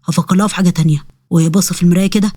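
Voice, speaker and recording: A woman's voice: lowish voice, fairly even intonation, racing, mellow, no room sound, pitched below the performer's own voice, close to an everyday voice. A woman with an Egyptian accent voicing a clumsy young male demon, grumbling and indignant. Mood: scheming. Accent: Egyptian Arabic.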